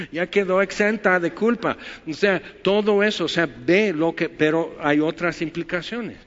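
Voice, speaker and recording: Mexican pastor, fairly high voice, sermon in a reverberant church, slightly muffled audio. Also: male voice, measured pace, a bit bright. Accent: Mexican Spanish. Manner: conversational, rhetorical questions, wry asides. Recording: muffled with long hall reverb.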